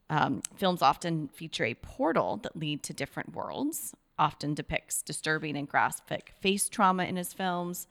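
A woman's voice: deep voice, vocal fry, a bit bright. A woman co-hosting a casual chat, reading facts aloud from notes with fillers.

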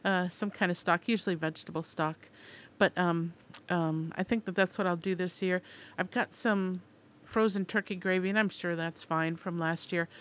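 A woman's voice: lowish voice, steady tone, normal speed, few pauses. Chatty woman on a radio food show. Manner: chatty, many fillers and laughs. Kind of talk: casual radio chat.

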